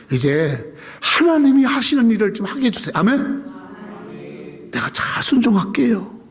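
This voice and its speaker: A Korean-accented pastor in his fifties preaches a Sunday sermon in a church sanctuary. His voice sits high for a man, and he delivers with animated drama. He swings between emphatic lines and soft, hushed pleas. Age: 50s.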